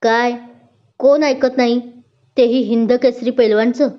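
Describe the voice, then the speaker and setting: A woman's voice: a little high, fairly even intonation, unhurried, lightly acted. A woman voicing a spirited, sassy middle-aged wife who teases her husband in a spoken story. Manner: sassy, teasing. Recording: dull lo-fi recording.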